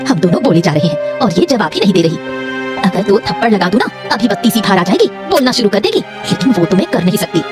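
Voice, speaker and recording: A woman voicing a sharp-tongued, scheming sister-in-law in a cartoon, taunting and scolding. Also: mid-range voice, very animated, fast talker, natural voice. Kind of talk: cartoon voice acting. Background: background music.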